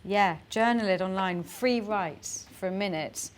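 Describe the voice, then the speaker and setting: A woman's voice: medium pitch, a little slow. A woman leading a workshop, giving chatty, encouraging instructions for a group exercise and laughing between them. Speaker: workshop facilitator.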